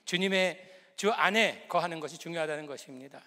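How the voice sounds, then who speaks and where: A man's voice: on the high side, brisk, sharp tone. Man preaching in a reverberant church. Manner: conversational preaching with rhetorical questions and humor. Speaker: pastor. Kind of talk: sermon. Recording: long reverb of a church hall.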